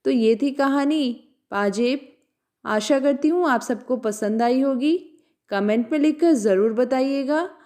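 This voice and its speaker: A woman storyteller reads a literary short story aloud. Her voice sits a little high and she takes her time, unhurried and measured. The reading stays even throughout.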